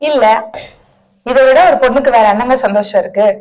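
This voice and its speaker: A young woman acting in a comedy sketch, lively and sometimes sharply scolding. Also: a little high, brisk. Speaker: comic sketch actor. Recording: echoey room.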